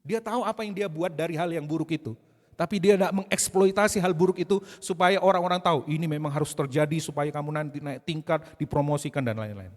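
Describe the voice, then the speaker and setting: A man preaching a sermon in a lively way, asking the congregation questions and acting out short asides. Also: on the high side, fast talker. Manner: animated preaching with rhetorical questions and acted asides. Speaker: pastor. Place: church service hall. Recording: church hall with long reverb.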